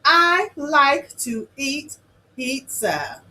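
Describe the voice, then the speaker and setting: A woman hosting a children's lesson, talking to the kids directly in an animated, sing-song way. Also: high voice, extremely slow, slight background noise, rough recording. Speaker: children's show host and teacher.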